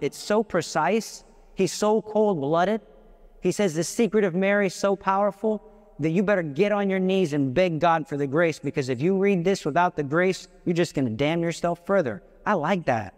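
A man giving a live devotional talk to an audience. He is passionate and emphatic, with big swings in his voice and joking asides. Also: high-pitched. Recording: long hall reverb.

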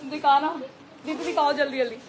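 A woman's voice: high-pitched, fairly even intonation, brisk. A woman who runs a clothing store, chatting through a live sales stream, repeating prices and making teasing asides in Hindi with a Delhi accent. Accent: Delhi Hindi with English mixed in.

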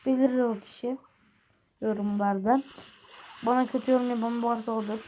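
Woman, higher voice, excitable trash-talking game commentary on a dull close mic. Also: fairly quick. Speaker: gaming video creator. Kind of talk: casual gameplay commentary. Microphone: close desk mic. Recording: muffled lo-fi mic with faint hiss.

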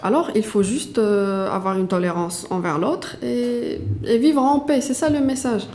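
A young woman with a Moroccan accent in French, giving halting, conversational interview answers with repeated words. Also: fairly high pitch, darkish tone, slight background noise. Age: young adult. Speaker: interview guest, artist. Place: small radio-style studio. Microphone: desk microphone with pop filter.

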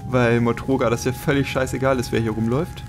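A man's voice: mid-range voice, level tone, fast talker, over music. A man giving casual, joking game commentary as a let's player, thinking aloud as he plays.

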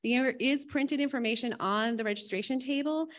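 A woman's voice: high voice, moderate pace. Chatty woman hosting a conference welcome. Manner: chatty, laughs between lines, light jokes. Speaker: conference host giving welcome address. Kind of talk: welcome speech with housekeeping announcements. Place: conference room.

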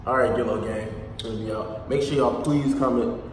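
A man's voice: medium pitch, steady tone, fairly quick. A man in his twenties who speaks with braces, bantering casually and teasingly as a vlogger. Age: 20s. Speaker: vlogger hosting challenge video. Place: large bare room indoors. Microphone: camera a few feet away. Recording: echoey hard room, distant mic, background noise.

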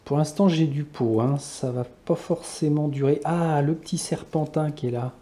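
A man's voice: on the high side, moderate pace, warm tone. A man narrating a solo card game, muttering to himself and counting cards aloud. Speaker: board game player.

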